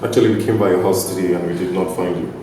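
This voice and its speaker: A man playing a brisk police officer. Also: low voice, fairly even intonation, natural voice. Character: calm male police officer. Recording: echoey room from far off with loud music.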